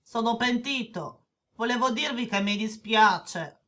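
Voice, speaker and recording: A woman's voice: on the high side, a little slow, pushed and bright. Woman voicing a shy, remorseful little boy. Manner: hesitant, apologetic, stammering. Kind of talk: children's audio story acting.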